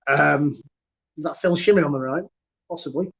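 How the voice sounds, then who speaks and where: Chatty Northern English quiz host, lo-fi. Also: male voice, a little high, gravelly, a bit bright. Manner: chatty, self-mocking, halting with fillers. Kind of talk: casual quiz hosting.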